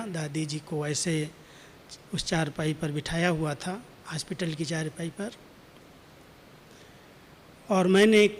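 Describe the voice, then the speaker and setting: Spiritual teacher, male, high voice, gentle storytelling with acted quotes, long hall reverb. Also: slight background noise. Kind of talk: spiritual class talk with anecdote.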